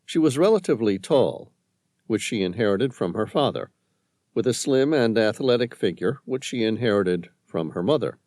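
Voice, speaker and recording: A man narrating a thriller audiobook in a measured, expressive storytelling manner. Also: lowish voice, dry recording, clean studio sound. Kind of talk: scripted narration.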